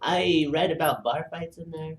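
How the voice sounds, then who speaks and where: A man's voice: on the high side, steady tone, normal speed, echoey room, recorded from a distance. A man chatting casually while playing a tabletop game. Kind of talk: casual chat. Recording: clearly noisy room recording.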